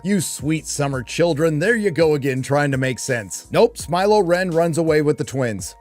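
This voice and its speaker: A man delivers a scripted video review in a somewhat high-set voice. His critique is scathing and sarcastic, pitched as a takedown for online viewers, with music playing softly behind him. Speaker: YouTube reviewer and host.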